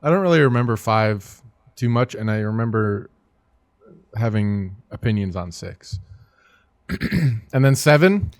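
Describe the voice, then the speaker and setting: A man's voice: fairly low pitch, animated, measured pace, long pauses, no echo. A man co-hosting a casual movie podcast, rambling and hesitant with lots of fillers. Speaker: podcast co-host.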